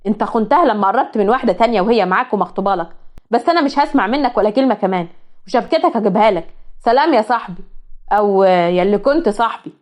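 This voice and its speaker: A woman's voice: medium pitch, lively intonation, rapid-fire, a little mellow, lightly acted. A woman with an Egyptian accent voicing a protective young brother who speaks bluntly and indignantly. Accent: Egyptian Arabic. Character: protective older brother, angry young man.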